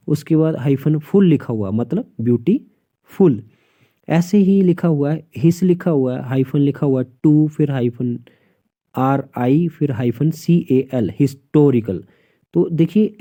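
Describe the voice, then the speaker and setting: A man teaching English punctuation in Hindi, reading each rule slowly and then explaining it, often answering his own questions. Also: medium pitch, mellow. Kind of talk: grammar lesson in Hindi with English rules.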